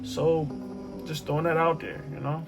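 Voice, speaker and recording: Brief: slightly high-voiced male reaction host, excitable and profane, music underneath. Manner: excitable, swearing, quick to jump in. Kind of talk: casual reaction commentary.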